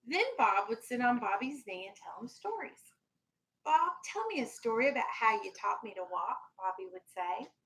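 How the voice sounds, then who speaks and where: Here an elementary school teacher's voice comes through on the high side, sing-song and a bit bright, at normal speed over poor audio. She reads a children's storybook aloud in her classroom and talks to the class in a firm, instructive way.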